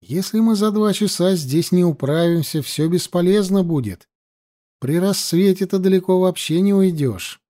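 A young scout, steady and hushed, talking through a plan without fuss, as a man reads him in an audiobook. The voice sits a little high for a man. It stays plain and even. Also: normal speed, lightly acted. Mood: calm planning. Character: young male scout, planning quietly and calmly. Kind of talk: audiobook reading.

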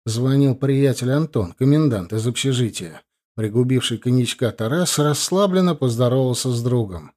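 A man's voice: medium pitch, animated, normal speed, a little mellow. Man narrating a story. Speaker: audiobook narrator. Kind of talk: scripted narration.

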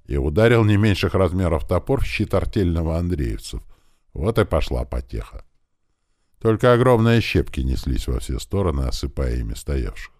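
A man narrates a historical adventure audiobook, reading expressively and playing up the characters' shouts. His voice is very low, yet his pitch moves a lot. The sound is dry and close to the mic. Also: big pitch swings, moderate pace, no room sound. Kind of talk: scripted narration.

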